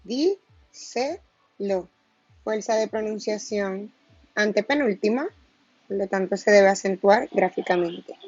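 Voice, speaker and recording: Slow, deliberate woman teacher. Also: medium pitch, a little mellow, no echo, highs cut off. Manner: slow and deliberate, stressing syllables. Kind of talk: recorded grammar lesson.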